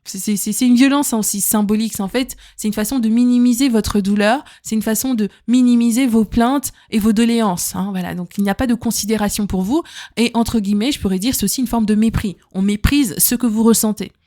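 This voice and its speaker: Emphatic woman podcaster, slightly high voice. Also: steady tone, a little fast, mellow. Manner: emphatic, peppers speech with "hein", repeats words. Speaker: podcast host. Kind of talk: casual advice talk to listeners.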